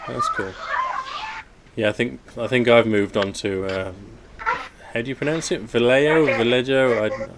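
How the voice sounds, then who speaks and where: A man's voice: medium pitch, moderate pace, pauses often, very noisy. A man hosting a casual hobby chat, handing questions to the other guests. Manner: relaxed, asks the others questions. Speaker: host.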